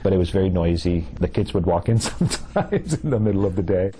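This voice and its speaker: Man from india, entrepreneur in an interview, very deep mellow voice, relaxed and conversational. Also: brisk, slight background noise. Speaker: tech entrepreneur. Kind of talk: interview answers.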